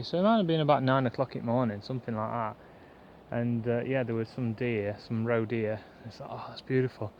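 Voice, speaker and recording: Fast-talking man rambling outdoors. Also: mid-range voice, darkish tone, a little hiss or hum. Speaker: bushcraft vlogger. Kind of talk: casual rambling chat to camera. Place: outdoors in a pine woodland. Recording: dull lo-fi outdoor recording, faint woodland ambience.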